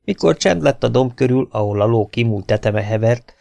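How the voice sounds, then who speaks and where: A man reading an adventure novel aloud as an audiobook narrator, in a steady, even storytelling manner. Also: medium pitch, gravelly, no echo.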